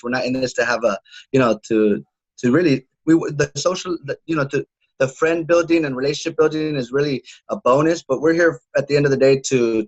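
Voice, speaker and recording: As an interview guest, a home security salesman in his thirties chats informally, stumbling through frequent restarts and leaning on "uh" and "you know." His mid-range voice comes through with lo-fi sound.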